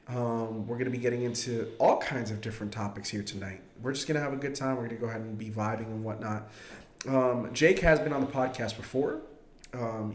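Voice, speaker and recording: Nasal, congested man in an echoey room. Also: mid-range voice. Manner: emphatic, slangy, bro-style address. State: getting over a cold. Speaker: podcast host. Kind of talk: casual podcast chat. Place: home dining room, indoors. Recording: roomy echoing indoor sound.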